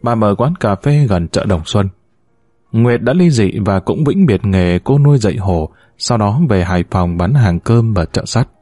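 A man narrating a story in a steady, even reading voice. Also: on the low side, moderate pace, no echo, faint music behind. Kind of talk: scripted narration.

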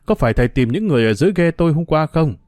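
A humble, anxious older boatman , as a male reader puts him on, deferential and quick to cry out in worry. The voice is warm and mellow and sits close and dry. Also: a little high, expressive, dry recording, close to an everyday voice. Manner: deferential, fretful exclamations.

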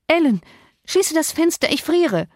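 A woman reading the part of a wilful, feverish young woman who speaks shrill and defiant. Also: very animated, a little slow, darkish tone, no room sound, studio quality.

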